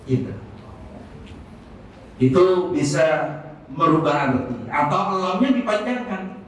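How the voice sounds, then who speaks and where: Religious teacher, male, slow and deliberate, sing-song recitation; roomy hall sound, mic set back. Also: on the high side, expressive. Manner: explains slowly, recites Arabic with melody. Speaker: religious teacher answering questions. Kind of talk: Islamic study talk, Q&A. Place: hospital hall. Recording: echoey hall, distant mic, faint noise.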